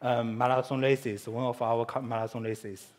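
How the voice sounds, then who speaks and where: His English halting and his accent Chinese, a native Chinese-speaking man works through a conference presentation with many restarts and self-corrections. He speaks at a medium pitch with a flat delivery.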